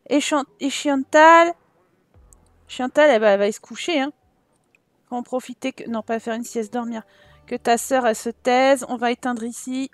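Here a Sims YouTuber, a young French woman with a high-pitched voice, plays her life-sim game and talks to her characters as she goes. Her let's-play commentary is relaxed and playful, recorded without echo.

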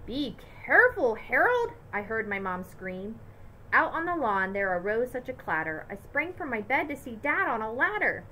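Bright, expressive woman reading aloud. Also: a little high, moderate pace, slight background noise, rough recording. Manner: lively, expressive storytelling. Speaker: teacher. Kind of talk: reading a picture book aloud to children.

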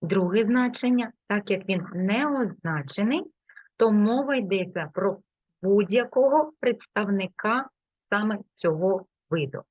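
A woman teaching an English lesson, explaining patiently and repeating example words clearly. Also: mid-range voice, lively intonation, measured pace, no echo. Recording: dull, lo-fi, dry sound.

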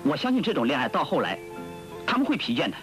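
1970s film friend from an old VHS tape: teasing, frank young man with a lively voice. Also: fairly high pitch, fast talker, over loud music. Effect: old VHS tape film soundtrack.

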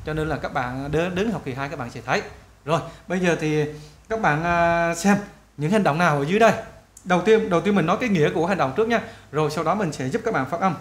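A man teaching an English lesson on video, chatting to his students and slowly modeling words syllable by syllable. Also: fairly high pitch, echoey room.

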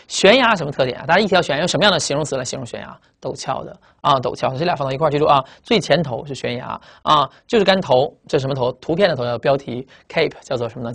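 A teacher giving a classroom vocabulary lecture at a board, emphatic, asking rhetorical questions and spelling words out letter by letter. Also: mid-range voice. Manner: spells out letters and drags out target words slowly.

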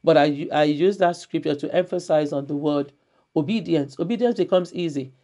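Lady pastor giving a sermon, mellow warm tone, keeps repeating her main line for emphasis. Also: low-pitched, normal speed. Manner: repetitive, emphatic preaching with scripture readings. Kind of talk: church sermon.

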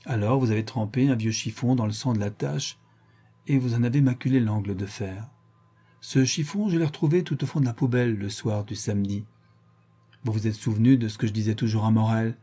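A man reading an audiobook, voicing a stern, shrewd woman who questions her servants in a measured, deliberate way. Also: fairly low pitch, mellow, slightly rough. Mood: cold.

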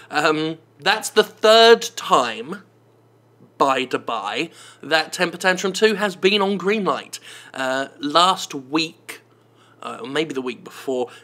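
A man's voice: on the high side, sharp tone. A man giving sarcastic commentary over gameplay footage as a video game critic, sardonic and emphatic, often repeating himself and using fillers.

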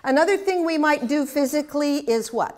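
A woman's voice: high-pitched, lively intonation, a little fast, a little mellow. Chatty older woman teaching a class. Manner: chatty, anecdotal, with humorous asides. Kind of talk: interactive talk with audience questions.

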